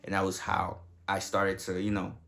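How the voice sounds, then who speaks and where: A man's voice: low voice, completely flat delivery, moderate pace, a bit bright. A young man from Nigeria telling his story to camera in a casual, joking, profane way. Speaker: vlogger.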